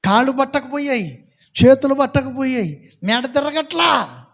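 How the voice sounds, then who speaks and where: A pastor preaching a sermon, animated, acting out the people he quotes and raising his voice to a shout. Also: extremely high pitch, measured pace. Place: church hall.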